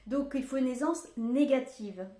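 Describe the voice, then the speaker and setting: She has a high, dark-toned voice and a measured pace: an older woman hosting a craft podcast in an echoey home room. The talk is casual and rambling, sprinkled with fillers and tangents.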